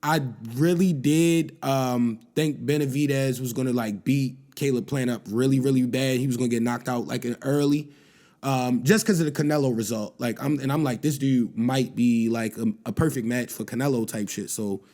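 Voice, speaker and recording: A man's voice: mid-range voice, fairly even intonation, normal speed, dark tone. A man co-hosting a podcast, talking loosely about a boxing match with lots of slang and fillers. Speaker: podcast co-host. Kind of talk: casual sports chat.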